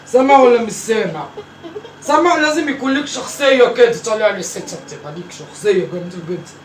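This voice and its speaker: Lightly acted and quick, this mid-range voice has lively intonation as it plays an old Egyptian grandmother scolding and teasing her grandkids, repeating herself for comic effect. Spoken in Egyptian Arabic, it comes from far off with a roomy echo and faint background noise.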